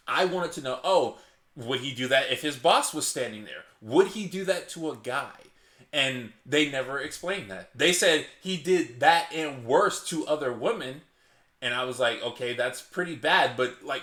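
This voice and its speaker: Talking a topic through in relaxed commentary, this man runs his own channel and speaks expressively at a measured pace. He gets passionate, restarts frequently, and says he's purposely holding back his naturally loud voice; the hot indoor room he's in is echoey.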